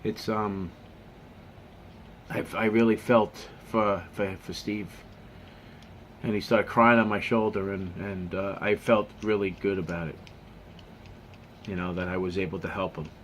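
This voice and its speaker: Vlogger, male, low-pitched, earnest and halting, sinks to a soft mutter on heartfelt lines; faint room hiss. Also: steady tone. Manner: earnest, halting, with many restarts; voice drops low and quiet on sincere points. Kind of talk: casual talk to camera.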